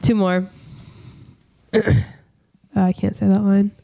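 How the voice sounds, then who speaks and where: A woman co-hosting a relaxed podcast chat, laughing easily between lines. She reads song lyrics aloud for her friends to guess, with a plain, middle-pitched voice. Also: slow, gravelly, lo-fi sound. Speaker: podcast co-host.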